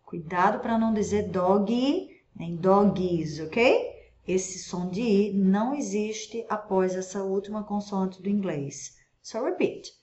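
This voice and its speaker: A woman teaching English pronunciation, saying each word slowly and repeating it for the learner to copy. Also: mid-range voice, a little mellow, lo-fi sound, a little hiss or hum. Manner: slow, deliberate, repeats words for the learner to copy. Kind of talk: pronunciation lesson.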